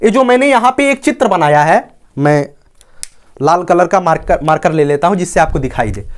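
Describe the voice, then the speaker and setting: A man's voice: fairly high pitch, expressive, normal speed. A man teaching a maths lesson at a board. He explains step by step and keeps checking that listeners follow.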